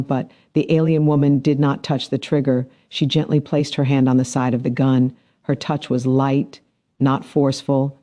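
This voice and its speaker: Brief: male narrator, measured and dramatic, warm mellow mid-pitched voice. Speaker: story narrator. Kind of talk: scripted narration.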